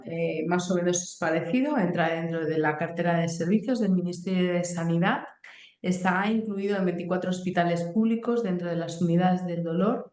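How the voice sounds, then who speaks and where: A woman doctor explains things on a talk show from a clinic, her voice fairly low and a little mellow. She sounds hesitant, with many fillers and restarts. The room gives the recording a noticeable echo.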